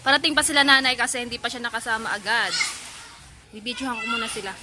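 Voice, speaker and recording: A woman's voice: on the high side, fast talker, noisy background. A woman filming a family gathering for her vlog, chatting and calling out to the children. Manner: chatty, mixes languages, calls out to kids.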